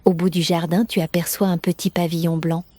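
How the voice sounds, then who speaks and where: A woman narrates a guided bedtime sleep story in a soft, gentle, soothing manner, unhurried and with long pauses. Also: on the low side, flat delivery, dry recording.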